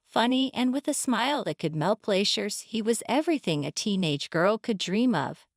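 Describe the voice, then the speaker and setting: Lively woman narrating a family story. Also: medium pitch, dry recording, studio quality. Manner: dramatic storytelling. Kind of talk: scripted first-person story narration.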